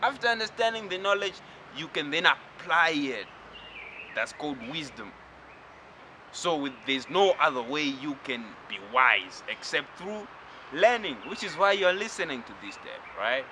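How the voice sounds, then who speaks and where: A man from Zimbabwe giving a spiritual lecture, talking slowly and reflectively and addressing the listener directly. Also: a little high, lively intonation, sharp tone, a little hiss or hum, low-quality recording.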